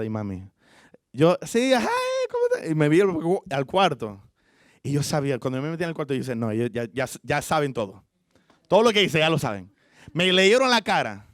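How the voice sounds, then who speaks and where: A man preaching a conversational sermon in church, swinging from soft asides to emphatic peaks. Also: fairly high pitch, no room sound, clean studio sound. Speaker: pastor.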